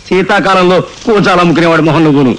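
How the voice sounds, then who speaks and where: A man plays a crotchety old father who never stops bickering and hurls made-up insults at his family. His voice sits high and the words tumble out fast. The tone is scolding and theatrical, pure film comedy. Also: slight background noise, close to an everyday voice. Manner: rapid scolding, mock-grand insults. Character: cantankerous old father, spouting invented insults.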